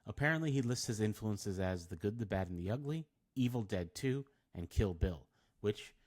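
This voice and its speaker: A man's voice: on the low side, expressive, moderate pace, darkish tone. A man reading a scripted film review, with wry, dry asides.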